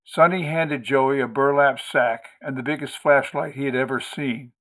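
Man reading a story aloud, steady even voice, mid pitch. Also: normal speed. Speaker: audiobook host and reader. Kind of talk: audiobook narration.

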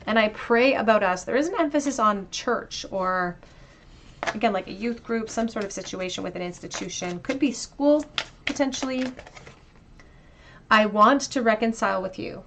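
A woman reads tarot cards for her viewers in a gentle, reflective way, speaking straight to them. Her voice sits at a middling pitch for a woman. A faint hiss lies under the recording. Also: normal speed. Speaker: tarot reader. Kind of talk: pick-a-card tarot reading.

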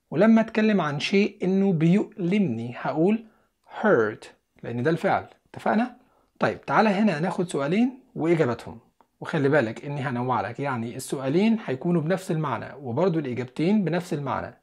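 An English teacher with an Egyptian Arabic accent leads a beginners' lesson, talking in an animated, up-and-down voice. The explanations come in Egyptian Arabic, and the English words and sentences are said slowly and clearly. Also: mid-range voice.

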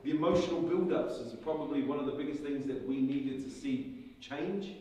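A male drama teacher giving brisk classroom instructions, opening with Māori greetings before switching to English. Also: mid-range voice, mellow. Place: large echoey school hall. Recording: echoey hall from far off.

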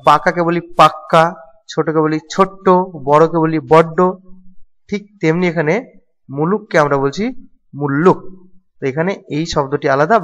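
A man's voice: a little high, long reverb tail, highs cut off. A man teaching an exam-prep grammar lesson, explaining step by step and repeating key terms.

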